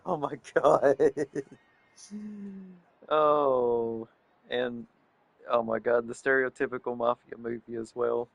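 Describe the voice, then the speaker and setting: A man commenting on a video game as he plays, excitable and gushing. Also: mid-range voice, slow pace, gravelly, long pauses, no echo, highs cut off. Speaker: gaming streamer. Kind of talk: gameplay commentary.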